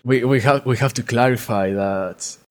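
A man's voice: medium pitch, moderate pace. A young man from Greece with a Greek accent, chatting casually on a podcast and often repeating words as he starts. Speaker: podcast co-host. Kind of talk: casual chat.

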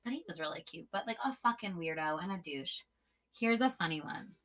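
A woman's voice: lowish voice, expressive, a little fast, a bit bright. A young woman hosting a podcast, telling stories in a blunt, casual way, swearing freely and filling her talk with "like.". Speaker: podcast host. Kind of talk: casual storytelling monologue.

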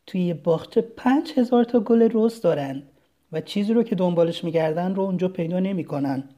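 A reader voicing a gentle, earnest young boy prince from a tiny planet in a storybook reading. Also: mid-range voice, highs cut off, close to an everyday voice. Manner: soft, earnest and kind.

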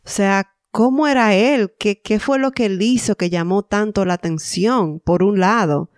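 A woman's voice: medium pitch, a little slow, no room sound, studio quality. A woman co-hosting a casual podcast chat, telling stories and laughing often. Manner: chatty, laughs often, storytelling. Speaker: podcast co-host.

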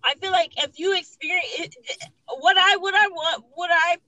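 High, bright woman co-host; agreeable, dry close recording. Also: moderate pace, no room sound, rough recording. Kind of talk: casual conversation.

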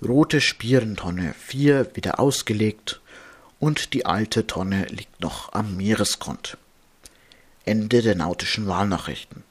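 A man with a fairly low voice delivers a marine radio bulletin at a very slow pace. He reads like a formal announcer of sea warnings, measured and methodical, giving each item separately and with care. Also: slightly rough. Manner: measured, formal, spelling out with phonetic alphabet.

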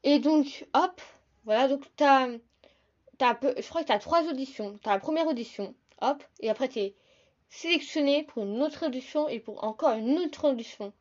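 A young woman hosting a casual solo podcast, talking fast and chatty, often calling her listeners "the guys". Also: high voice, lo-fi sound. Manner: fast, chatty, addresses listeners as "les gars". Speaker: podcast host.

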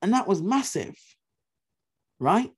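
A man's voice: sits high, very animated, slow, husky. A man hosting a history podcast, talking in an emphatic, opinionated way, repeating points for stress and swearing casually. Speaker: podcast host.

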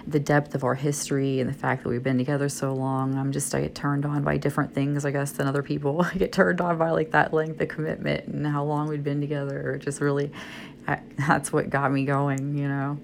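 Groggy, low, creaky-voiced middle-aged woman. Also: level tone, brisk, slight background noise. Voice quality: groggy, sleepy voice. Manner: rambling, hesitant, confiding. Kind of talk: intimate, candid personal monologue. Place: in bed at night, indoors.

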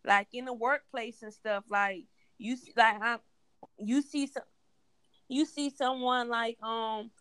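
A woman who works as a teacher, talking loudly and emphatically in a casual podcast discussion. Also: fairly high pitch, fairly even intonation, takes it slowly, clean tone, dry recording. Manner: loud, emphatic, conversational. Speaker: co-host, teacher.

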